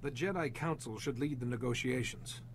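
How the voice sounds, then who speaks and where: A man's voice: mid-range voice, moderate pace, slight background noise, close to an everyday voice. Composed, earnest Jedi man played by an actor. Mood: calm, formal. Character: calm, composed male Jedi hero, earnest and diplomatic. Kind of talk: video game dialogue acting.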